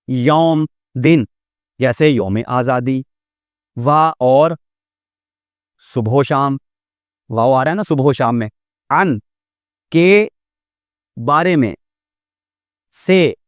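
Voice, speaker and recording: A man teaching a vocabulary lesson in a patient way, explaining each word slowly and often repeating it. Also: on the high side, no room sound, studio quality. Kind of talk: classroom lesson.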